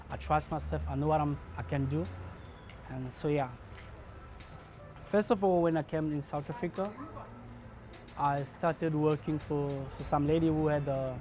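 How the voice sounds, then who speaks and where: A man from Congo in his thirties, a barber telling his own story in a documentary interview, earnest and measured. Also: a little high, a little mellow. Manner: earnest, measured, acts out remembered dialogue. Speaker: barber and shop owner.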